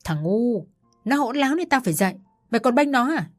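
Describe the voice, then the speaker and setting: A woman voicing a furious old mother-in-law who shouts coarse insults, with soft music behind. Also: medium pitch, expressive, fast, natural voice. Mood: furious scolding.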